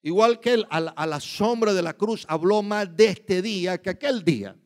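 A man's voice: high-pitched, animated, normal speed. Emphatic preacher man in a reverberant hall. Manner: repeats himself, asks listeners "¿ve?" often; emphatic, shifts between loud and quiet. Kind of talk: sermon.

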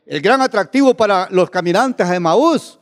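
Male preacher, mid-high voice, keeps questioning the congregation, recorded in a reverberant church hall. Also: lively intonation, normal speed. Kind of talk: sermon.

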